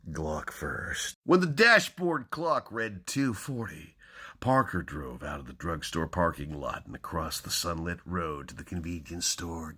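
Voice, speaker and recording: A man giving a hammy, theatrical dramatic reading, launching lines loudly and dropping to hushed, breathy endings. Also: deep voice. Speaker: book enthusiast reading aloud.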